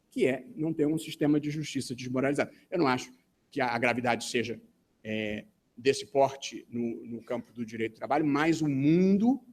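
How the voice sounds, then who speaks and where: A man with a Brazilian Portuguese accent giving a formal talk at a legal seminar. He speaks in a measured, deliberate way and often pauses with hesitation fillers. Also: medium pitch. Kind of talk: formal conference speech. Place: conference hall in Brazil.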